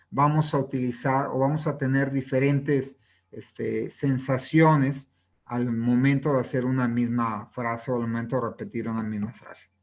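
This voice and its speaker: A man's voice: mid-range voice, low-quality recording. A man explaining a sales book in a lesson. He keeps tagging his phrases with a questioning "no?" and acts out sample questions with different intonations. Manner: ends many phrases with a questioning "¿no?" tag. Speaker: presenter reviewing a sales book.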